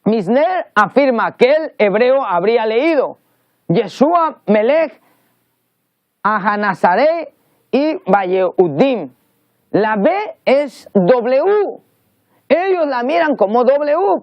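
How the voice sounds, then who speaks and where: A man's voice: very high-pitched, no room sound. Man, preacher, earnest teaching sermon, repeats words, dry close sound, dull lo-fi recording. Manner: earnest, explanatory, repeats words while searching.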